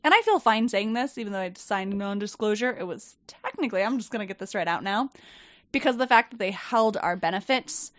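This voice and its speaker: A woman's voice: medium pitch, brisk, dry recording, lo-fi sound. A woman hosting a podcast, telling work stories in casual chat and acting out the voices of others, her voice a little worn. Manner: animated storyteller, acts out voices of others. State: losing her voice. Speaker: podcast host.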